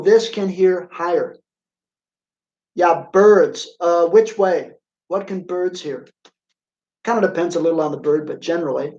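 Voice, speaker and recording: A man's voice: high-pitched, darkish tone. A male physics teacher giving an online class, chatty and playful, quizzing students by name. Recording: roomy, dull lo-fi sound.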